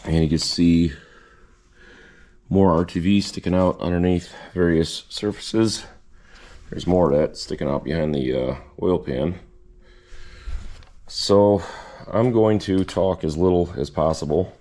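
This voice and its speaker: A man hosting a casual garage vlog, tired and losing his voice from a cough, talking slowly with halting restarts and fillers. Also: deep voice, warm tone. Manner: slow, halting, trailing off with many fillers. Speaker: home mechanic and channel host. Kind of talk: casual workshop vlog narration. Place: home garage.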